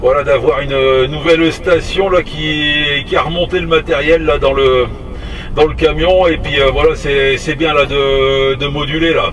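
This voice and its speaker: Talking at a moderate pace in a voice on the high side, this man rambles hesitantly over the CB radio in a casual chat, ending phrases with tag words. A distant mic catches him inside a moving vehicle, with constant vehicle noise underneath.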